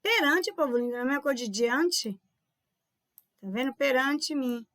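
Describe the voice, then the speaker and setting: High-voiced Brazilian woman teaching grammar. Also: expressive, moderate pace, a bit bright, no echo, clean studio sound. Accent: Brazilian Portuguese. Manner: explanatory, keeps checking in with "tá vendo?" and calls viewers "povo lindo". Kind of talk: online grammar lesson solving exam questions.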